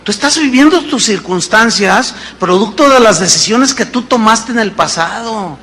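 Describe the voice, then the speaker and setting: A man's voice: sits high, animated, moderate pace, sharp tone, slightly rough. A man, preaching a sermon as pastor, emphatic, with rhetorical questions and acted-out dialogues. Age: 50s.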